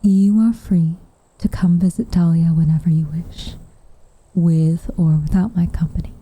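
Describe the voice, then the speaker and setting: A woman acts out a gentle witch with a wistful, guarded tenderness for an ASMR roleplay. Her voice is lowish, very mellow and breathy, often slipping into a whisper. It is recorded close and dry, with insects chirping behind her. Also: fairly even intonation, dry recording, low-quality recording. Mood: gently teasing. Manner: soft, breathy, tender, measured delivery. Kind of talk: soft roleplay ASMR, intimate and half-whispered. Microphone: close microphone.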